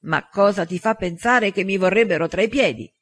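A man's voice: sits high, moderate pace, a bit bright. A man voicing an indignant, snappish young man in an audiobook. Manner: protesting, snappish. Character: indignant young man, the only human among wolves. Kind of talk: audiobook dialogue.

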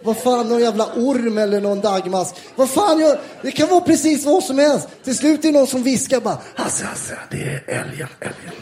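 High-voiced Swedish man doing stand-up. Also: few pauses. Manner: loud, laughing, swearing storyteller who acts out both sides of an exchange. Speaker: stand-up comedian. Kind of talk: stand-up comedy set. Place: large theatre with a live audience.

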